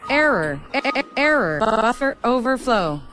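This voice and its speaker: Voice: medium pitch, very animated, moderate pace, sharp tone, a little hiss or hum, voice pushed up. A performer voicing a malfunctioning computer that glitches, stutters and loops its words. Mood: glitching. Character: malfunctioning computer voice, stuck repeating errors.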